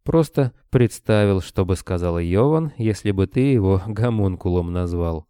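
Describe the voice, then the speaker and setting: A man's voice: low voice, moderate pace, clear, resonant tone, no echo. A man voicing a grim, deathless monster hunter who speaks dryly and tersely. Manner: dry, calm, terse.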